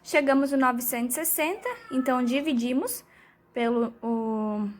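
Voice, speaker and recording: A teenage girl walking through her answer to a genetics exercise, step by step, with small pauses. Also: high voice, slight background noise. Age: late teens. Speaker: student explaining a genetics problem. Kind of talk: improvised homework explanation.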